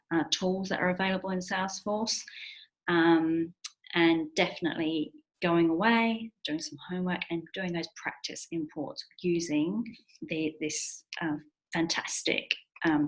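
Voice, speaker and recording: A woman hosting a software tutorial, walking through the steps in a relaxed, explanatory way with frequent ums. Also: fairly low pitch, low-quality recording. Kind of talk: screen-share tutorial walkthrough.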